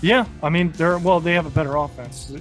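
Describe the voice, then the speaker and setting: A man's voice: fairly high pitch, fairly quick, soft background music. A man co-hosting a sports talk show, delivering a heated, emphatic rant full of rhetorical questions.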